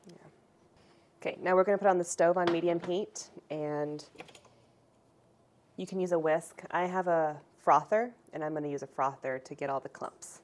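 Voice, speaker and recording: Low-voiced woman chatting in her kitchen. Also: normal speed, long pauses, slight background noise. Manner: chatty and relaxed, talking through each step. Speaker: home cooking vlogger. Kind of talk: casual cooking demonstration. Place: home kitchen indoors. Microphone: camera across the room.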